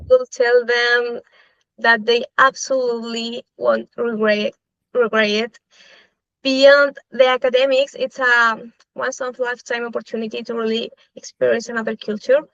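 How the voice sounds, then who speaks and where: A woman's voice: fairly high pitch, flat delivery, moderate pace, a bit bright, dry recording. A young Chilean woman, a native Spanish speaker, answers interview questions in English with a Chilean Spanish accent, thinking aloud with frequent "eh" fillers. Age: young adult. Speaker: interviewee, law student. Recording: dry, slightly dull lo-fi recording.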